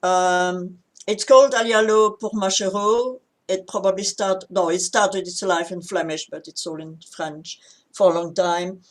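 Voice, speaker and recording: A woman from Belgium. She speaks softly to introduce a folk song, then leads its call-and-response chorus over a video call. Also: medium pitch, fairly even intonation, normal speed. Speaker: folk singer. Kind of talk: folk song performance at an online sing.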